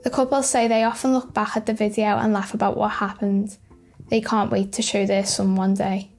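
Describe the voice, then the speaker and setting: A woman with a mid-pitched voice narrates short, light news clips from a script. Faint music plays behind her. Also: level tone, moderate pace, darkish tone.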